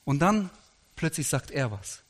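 Middle-aged male pastor, slightly high voice, storytelling sermon, long hall reverb. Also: unhurried, husky. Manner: lively anecdotal preaching with quoted dialogue.

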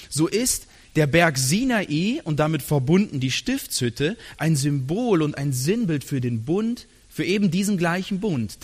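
A man preaching a sermon earnestly, dropping to a hushed tender voice for God's words. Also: fairly high pitch.

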